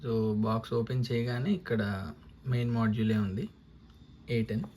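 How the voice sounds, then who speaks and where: Using a lavalier mic in a clearly noisy recording with ambience, a motovlogger walks through a product unboxing and installation step by step. He explains casually, mixing in English terms, in a lowish voice with fairly even intonation at normal speed.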